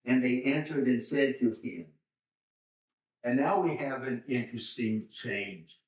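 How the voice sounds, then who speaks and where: An older man, a seminary professor, slowly reading and explaining scripture to a class. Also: medium pitch. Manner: slow, deliberate, pauses to explain Greek words. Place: church hall. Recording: roomy church hall, mic far off.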